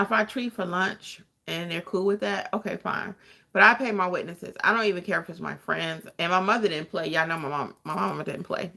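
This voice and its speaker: A woman's voice: mid-range voice, creaky, a bit bright. A middle-aged woman hosting a casual livestream, chatting emphatically and colloquially as she answers viewer comments about notary work.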